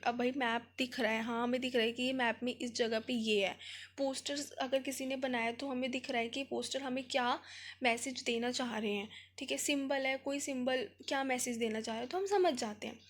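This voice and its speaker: A woman with an Indian accent teaching an exam revision lecture, explaining in Hindi mixed with English terms and reading headings out slowly. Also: high voice, a bit bright.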